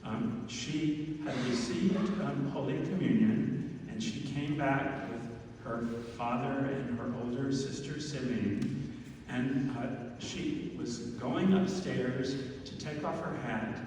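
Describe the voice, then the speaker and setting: A man preaching a pulpit homily at Mass in a halting, hesitant way with frequent pauses. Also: mid-range voice, darkish tone. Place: large reverberant church, speaking to a congregation. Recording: echoey church hall, distant mic, faint noise.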